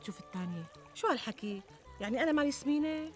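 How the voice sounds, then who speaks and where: An actress playing a plump, middle-aged Syrian housewife who complains expressively and plaintively in a TV comedy. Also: female voice, high voice, animated, racing, soft background music. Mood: fretful. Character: plump, fretful, self-deprecating housewife and mother. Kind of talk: conversational TV comedy sketch acting. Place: outdoors in a garden. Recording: outdoor ambience, trickling water noise.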